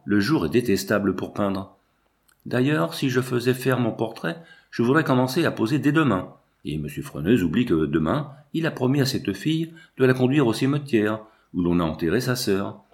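A man reading the lines of a haughty, proud young woman in a storybook, with a dry, curt, ironic delivery. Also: on the low side.

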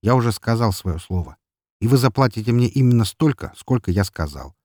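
A male audiobook reader voicing a calm, hard-bargaining male businessman who speaks in a measured, firm way, a bit higher than his narration. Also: no room sound, clean studio sound, lightly acted.

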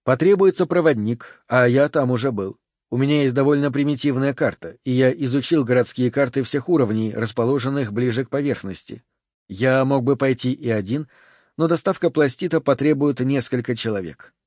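A man reading an audiobook voices a calm, courteous and commanding male FBI agent who speaks in a measured way. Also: medium pitch, no room sound, studio quality, lightly acted.

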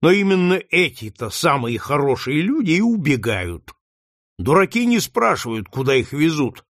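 A coarse, cynical middle-aged trader , read by a man narrating a novel talks in a blunt, matter-of-fact way. His pitch moves a lot. The sound is dry and close. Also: sing-song, normal speed, fairly bright tone, no echo, heavily acted. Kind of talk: audiobook character reading.

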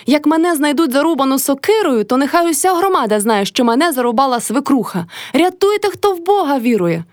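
A woman voicing a defiant young peasant daughter-in-law who yells back in a storybook reading. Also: sits high, big pitch swings, fairly quick, no room sound, clean studio sound, voice pushed up. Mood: pleading. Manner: yelling, defiant.

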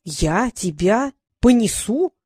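A woman's voice: medium pitch, animated, takes it slowly, darkish tone, breathy edge, no echo. Woman doing a pompous huge dragon. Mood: grandiose. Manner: grandiose, declaiming. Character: huge pompous male dragon, vain but shy.

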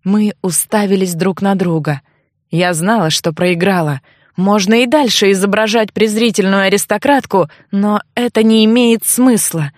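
Female audiobook narrator, mid-pitched, dramatic first-person delivery, dry close mic. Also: moderate pace, no room sound. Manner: expressive, dramatic reading.

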